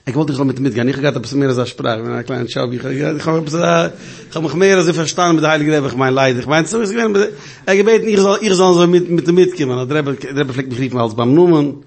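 A man with a gravelly, husky voice pitched a little high recounts a story in loose, casual speech. He talks haltingly, stumbling and repeating words as he goes.

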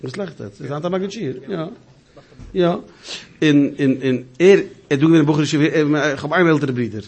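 Gravelly husky man telling a story. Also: on the high side, a little mellow. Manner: halting, with frequent restarts and repeated words. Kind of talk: casual storytelling.

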